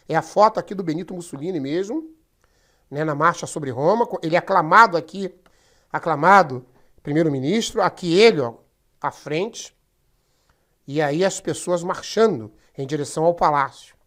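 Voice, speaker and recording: Low-voiced woman teaching history. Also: animated, moderate pace, fairly bright tone. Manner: chatty, explains step by step, addresses students as gente. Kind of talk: recorded class lecture over slides.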